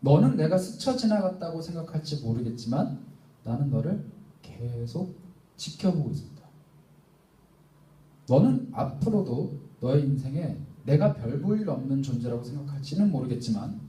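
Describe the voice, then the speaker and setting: A man's voice: fairly high pitch, animated, moderate pace, dark tone, distant mic. A young adult man preaching to a church youth group, emphatic and full of rhetorical questions. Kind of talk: sermon. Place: church hall. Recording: roomy echo, voice heard from afar.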